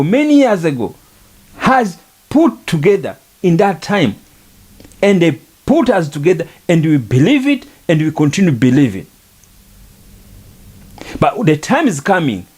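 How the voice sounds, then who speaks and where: Man, middle-aged, earnest and preaching, slightly high voice, unhurried. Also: darkish tone, slightly rough. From Rwanda. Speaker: podcast speaker. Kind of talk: reflective monologue on faith and culture.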